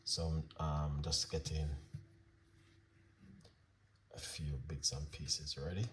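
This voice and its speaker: A very deep, soft-spoken man talks through a recipe in a relaxed, rambling way. He sits back from the mic in an echoey home kitchen. A faint hiss runs under the sound. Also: distant mic. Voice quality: soft, low-volume voice. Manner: unhurried, chatty, with frequent fillers and apologies. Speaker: recipe channel host. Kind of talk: casual cooking demonstration.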